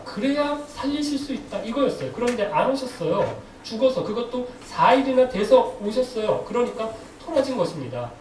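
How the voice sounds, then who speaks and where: A man's voice: high voice, a little mellow. A male pastor preaching a sermon who keeps putting questions to his congregation, recorded in a church sanctuary from a distant mic. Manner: asks the congregation frequent questions. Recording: echoey hall, distant mic, faint noise.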